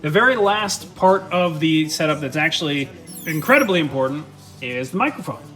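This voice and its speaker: A man's voice: a little high, expressive, moderate pace, fairly bright tone, soft background music. Upbeat young man touring his desk. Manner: enthusiastic, swears casually, rambling. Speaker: streamer showing his setup. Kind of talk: casual gear tour. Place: home streaming desk. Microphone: studio USB/XLR dynamic mic.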